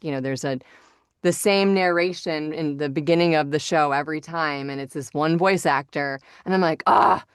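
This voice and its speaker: A woman co-hosting a podcast, with a voiceover and radio background, talks in a chatty, quick way with laughing asides. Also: deep voice, no echo, studio quality. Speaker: podcast co-host. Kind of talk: casual podcast chat.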